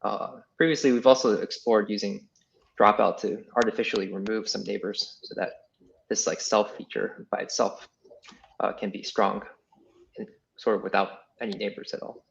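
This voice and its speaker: A man's voice: on the low side, fairly even intonation, normal speed, gravelly, a little hiss or hum. A man giving unscripted, hedging explanations as an engineer in a technical question session. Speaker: engineer answering audience questions. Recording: slightly dull, lo-fi online call.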